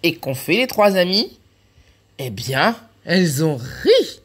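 A woman reads a children's picture book aloud, her voice swooping high and low as she acts out giggles and sobs. She takes her time, leaving room for each line to land. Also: slow, husky. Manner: animated, acts out laughs and cries. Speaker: library storyteller.

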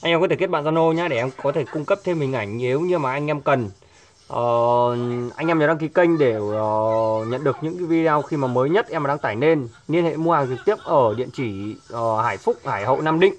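A man's voice: mid-range voice, brisk. A man, a fishing tackle shop owner showing products in a chatty way, often hesitating and repeating himself. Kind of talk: casual product showcase. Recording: noisy background.

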